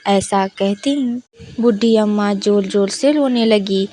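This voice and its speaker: A woman tells a devotional folk tale as a storyteller. Her narration is measured and deliberate, paced very slowly. Her pitch sits in the middle of the usual range. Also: warm tone, a little hiss or hum.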